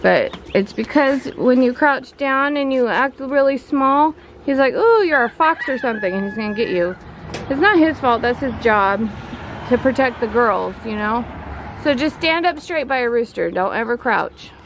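A woman's voice: a little high, animated, moderate pace, noisy background. A woman vlogging outdoors on her homestead, patiently coaching her child in a chatty way and talking to the camera. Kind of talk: casual vlog talk to her child and camera. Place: outdoors on a farm yard.

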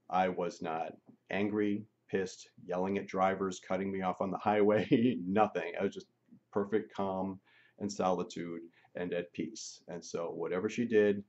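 A man's voice: sits low, darkish tone, lo-fi sound. A man telling a personal story in a casual, chatty way, with frequent ums and laughs. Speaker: channel host.

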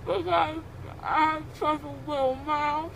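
A woman's voice: sits high, steady tone, unhurried, gravelly. A young woman chatting casually, groggy and slurred, with a sore, numb mouth after having teeth pulled, recorded in a car. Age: young adult. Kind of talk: casual chat. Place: inside a car. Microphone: phone held by another passenger. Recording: noisy moving car interior.

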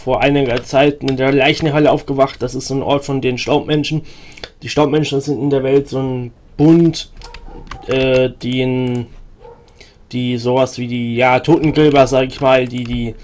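A man's voice: mid-range voice, darkish tone, a little hiss or hum. A man streaming a role-playing game, chatting casually with many fillers and restarts and reading game text aloud.

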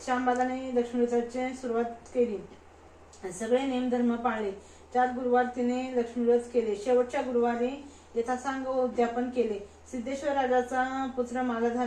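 A woman reads a devotional tale aloud at home, keeping a steady, even pace with the odd slip. Her voice is fairly high and stays flat, with little rise and fall. The room is echoey and has a faint hiss. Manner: steady reading with small slips and restarts. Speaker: reader of a devotional story. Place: at home by a prayer altar.

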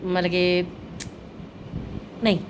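A middle-aged mother who vlogs chats casually with her viewers about her daily routine, often asking them questions. She has a Punjabi accent and a fairly low, slow voice with little pitch movement, and the everyday vlog recording is clearly noisy.

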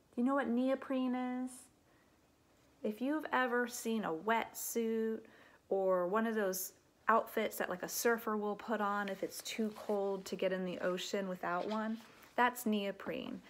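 In her living room at home, a woman of about thirty reads a children's picture book aloud the way an elementary teacher would. Her mid-range voice is expressive and deliberate, and she adds explanatory asides along the way.

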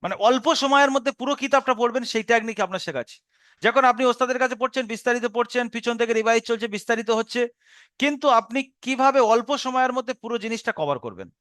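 A high-pitched man with a Bengali accent walks learners through a Quran reading lesson one careful step at a time. His voice is smooth and resonant, recorded close and dry with no room sound. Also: fairly bright tone, dry recording. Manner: patient step-by-step explanation, spelling out syllables slowly.

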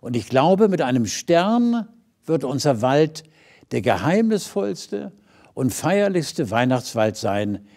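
A man voicing a wise old owl in a storybook reading, speaking with a calm, knowing murmur. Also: a little high, slow pace, heavily acted. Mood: amused.

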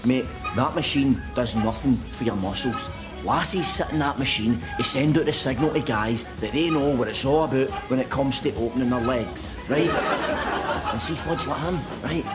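A man's voice: medium pitch, normal speed, music in the background, close to an everyday voice. An actor playing a bossy, exasperated young Scottish man in a TV comedy sketch, insistent and scornful.

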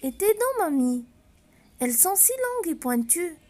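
A woman voicing a timid little girl in a storybook, with a high, childlike, wide-eyed voice. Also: sing-song, unhurried, darkish tone, exaggerated voice. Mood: wondering.

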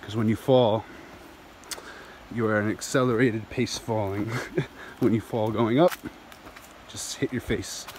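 A man's voice: fairly low pitch, fairly even intonation, a little slow, long pauses, a little mellow, slight background noise. Rambling man vlogging on a jungle trail. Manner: enthusiastic, rambling, laughs often. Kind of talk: walking vlog narration. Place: outdoors on a steep jungle trail. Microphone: phone camera held at arm's length.

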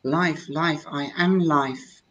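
An older Dutch woman from the Netherlands, a tarot reader, speaks slowly into the desk webcam in a room at home during a live-streamed reading. Her voice is low-pitched and a bit bright, with the highs cut off, and she explains her fortune-telling cards in a chatty way with many hesitations.

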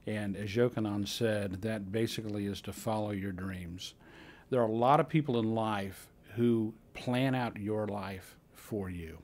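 A man's voice: fairly low pitch, unhurried, a little mellow. An older man, a film co-producer, earnestly explaining in a convention interview into a handheld mic. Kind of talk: interview answer. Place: convention room before a poster wall. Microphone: handheld mic held by the interviewer.

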